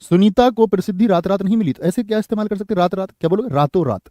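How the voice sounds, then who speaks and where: A Hindi grammar teacher with a high, mellow male voice runs a live online class, answering the chat on a dry close mic with no echo. He keeps quizzing the class, checks in with "theek hai," and slowly repeats corrected sentences for emphasis.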